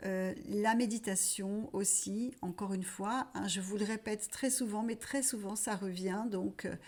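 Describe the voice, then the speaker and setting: A woman hosting a weekly spiritual message, talking gently and haltingly, with many fillers and restarts. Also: mid-range voice, steady tone. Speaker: spiritual channel host.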